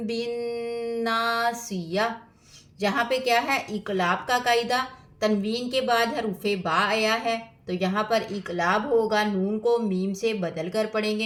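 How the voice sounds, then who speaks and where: A woman teaching Quran tajweed, reciting verses slowly and melodically, then explaining each rule in quick, repetitive phrases. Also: fairly high pitch, a bit bright. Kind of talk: tajweed lesson alternating slow recitation and explanation.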